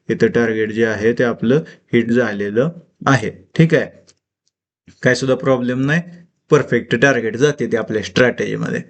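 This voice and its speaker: A man runs a live trading class at a mid-range pitch. He fires short questions and answers them himself, repeating key points again and again. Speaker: trading teacher. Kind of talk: live teaching session.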